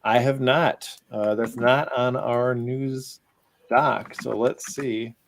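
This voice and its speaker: A man hosting a live crypto news stream, reading out news items in a relaxed, chatty way and bantering with his guests. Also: mid-range voice, slow, noisy background. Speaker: host.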